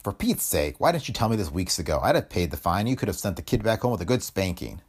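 Voiced by a male reader, this space adventure film boss is gruff and decisive, brusque and full of slang, a growl covering a soft heart. The performance is low-pitched, fast, heavily acted, and lively and varied, with a gruffly affectionate mood.

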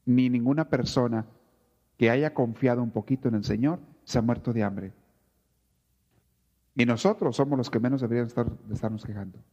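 A man preaching a sermon in a church, animated and often acting out people's complaints. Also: mid-range voice, fairly quick, pauses often. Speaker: priest. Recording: reverberant lo-fi church recording.

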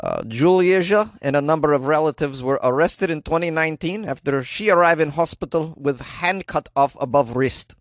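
A man voicing a deadpan news reporter with a mock Slovenian accent and clipped grammar, in a small closet. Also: on the high side, moderate pace, hardly any pauses, no echo, studio quality, lightly acted.

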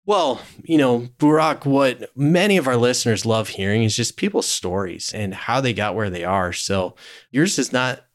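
A man's voice: mid-range voice, lively intonation, moderate pace. A man hosting a podcast, asking guiding questions in a conversational way. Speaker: podcast host. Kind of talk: podcast interview.

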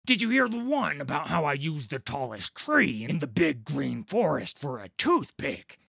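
Storybook troll, small, cunning and boastful, put on by a male narrator, lively dry delivery. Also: fairly high pitch, moderate pace, gravelly, slightly rough, no room sound, pitched above the performer's own voice, heavily acted. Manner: cocky, bragging.

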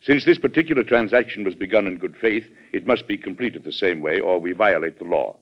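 A man's voice: low voice, a little fast. A man playing a hearty, authoritative American president in an old radio drama, jovial and commanding. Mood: firm, businesslike. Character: genial, hearty, authoritative male American president, fond of food. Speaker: actor. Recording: dull old radio recording.

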